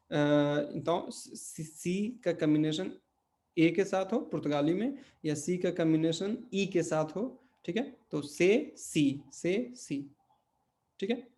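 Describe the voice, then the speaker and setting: The speaker is a man with a high, slightly mellow voice teaching an online language lesson. He proceeds slowly, step by step, using lots of fillers and often checking that his students understand.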